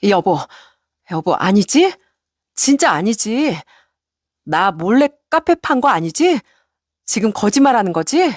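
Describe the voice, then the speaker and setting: A woman voicing a frantic, pleading middle-aged wife in a spoken story, with a shrill, stammering delivery. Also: very animated, unhurried, pauses often, dry recording, clean studio sound. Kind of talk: storybook radio narration.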